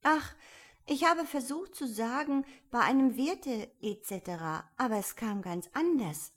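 A woman voicing a polite, timid young girl in a storybook reading, pitched up and eager. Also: animated, unhurried. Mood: anxious. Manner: higher, eager, slightly tearful. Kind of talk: audiobook character voice.

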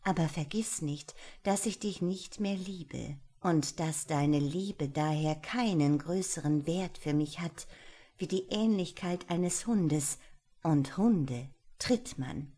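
A woman's voice: deep voice, slow, husky, exaggerated voice. A woman voicing a cold, whispery noblewoman. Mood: imperious. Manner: soft, half-whispered, languid. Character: cold, aloof young noblewoman, haughty mistress. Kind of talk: audiobook character voice.

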